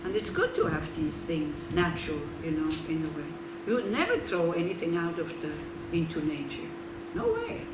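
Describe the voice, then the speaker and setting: Her voice is low and very animated, at a normal speed with hardly any pauses. She's a Swiss Buddhist nun giving a relaxed teaching talk, chatty, laughing aside and posing rhetorical questions. The distant mic captures a roomy sound with background noise.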